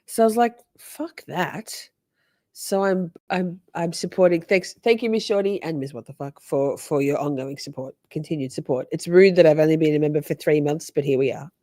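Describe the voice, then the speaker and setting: A woman's voice: sits low, a little fast, hardly any pauses, dark tone, no room sound. Nasally woman streamer, sweary jokey chat, close dry sound. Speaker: livestream host. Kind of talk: casual livestream chat with co-host and viewers.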